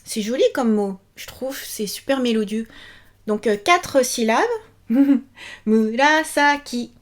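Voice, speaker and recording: A cheerful young woman teaching a language video lesson, repeating each word slowly and clearly. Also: fairly high pitch.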